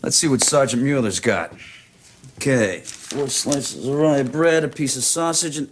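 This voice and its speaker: An actor playing an easygoing American soldier in a film drama, with a folksy, teasing, card-dealer drawl. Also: male voice, medium pitch, measured pace, background noise, natural voice. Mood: wry, playful.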